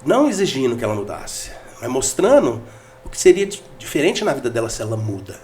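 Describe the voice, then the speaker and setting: Fast-talking man explaining. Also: mid-range voice, slight background noise. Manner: animated, explains with examples and quoted voices. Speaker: guest, business speaker. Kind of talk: podcast interview storytelling.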